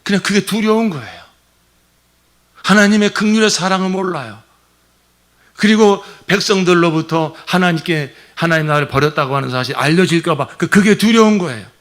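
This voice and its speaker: A male pastor delivering a Sunday sermon, swinging between raised, passionate preaching and soft, near-whispered asides. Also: a little high, normal speed. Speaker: senior pastor. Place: church sanctuary.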